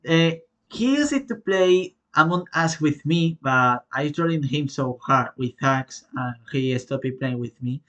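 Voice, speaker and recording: A Spanish-accented man, a native Spanish speaker, answers viewer questions in a relaxed vlog. His voice sits a little high. He talks haltingly, with plenty of fillers and self-corrections. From Spain. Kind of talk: casual Q&A vlog.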